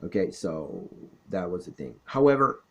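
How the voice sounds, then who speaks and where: A middle-aged man from South Florida with a Florida accent, explaining things in a deliberate, didactic monologue. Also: low-pitched, steady tone, warm tone. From South Florida, born in the Caribbean. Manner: didactic, deliberate, checks in with "okay?". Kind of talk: explanatory monologue, political talk and recollection.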